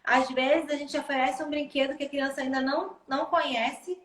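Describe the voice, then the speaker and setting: High-voiced mother in an echoey room. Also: steady tone, moderate pace, fairly bright tone. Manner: chatty, uses everyday comparisons. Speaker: mother, conversation partner. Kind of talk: casual chat.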